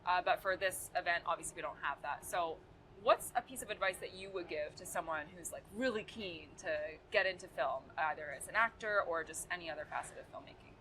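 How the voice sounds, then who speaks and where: A woman's voice: on the low side, a little fast, pushed and bright, slight background noise, low-quality recording. A woman hosting a film podcast interview, chatty and friendly as she leads the questions. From Toronto, Canada. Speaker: podcast host. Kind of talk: casual interview chat. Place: film festival event.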